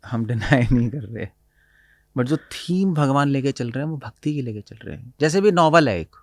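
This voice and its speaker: Male spiritual teacher, middle-pitched, dry close recording, explains verses mixing Hindi and English. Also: lively intonation, moderate pace, no room sound. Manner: mixes Hindi and English, quotes Sanskrit verses, laughs often. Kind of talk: explaining scripture in conversation.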